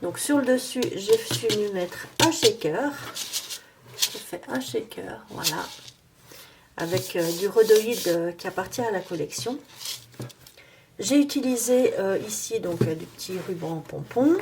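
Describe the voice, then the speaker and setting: A French-speaking woman hosting a casual crafting tutorial. She talks with many fillers and restarts, and sometimes drops to soft, near-whispered asides. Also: mid-range voice, lively intonation, a little slow, background noise.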